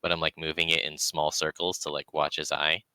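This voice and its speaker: A man playing a tabletop role-playing game in casual chat, laughing often and halting with many fillers. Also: rumbling low, level tone, pushed and bright, smooth, no room sound.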